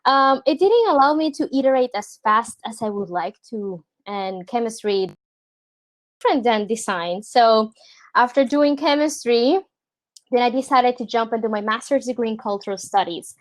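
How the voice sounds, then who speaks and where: Over a remote video call, a woman from San Juan hosts a relaxed portfolio review as a product designer. Her voice is on the high side and animated, her pace moderate, and her Spanish-native Puerto Rican accent comes through as she chats.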